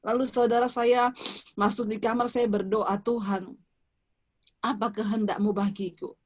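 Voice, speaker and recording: A woman evangelist tells her personal testimony in a church sermon, addressing the congregation directly as "saudara" and recounting events vividly. Her voice is on the high side, slightly mellow, level in tone, and measured in pace.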